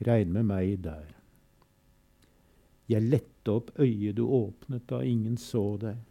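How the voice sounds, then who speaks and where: A man recites poems in a slow, solemn way, leaving long pauses between lines. His voice is gravelly and very dark, with a mellow, low warmth. Between poems he adds short spoken comments. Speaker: poetry reader and commentator. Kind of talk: reading poems aloud with brief commentary.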